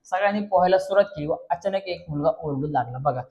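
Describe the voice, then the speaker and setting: A man with a fairly high voice and a Marathi accent walks students through an exam paper. He keeps asking questions back and answering them himself in a patient classroom way. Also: fast talker, vocal fry, muffled recording. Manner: repeats questions back, addresses friends. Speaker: teacher.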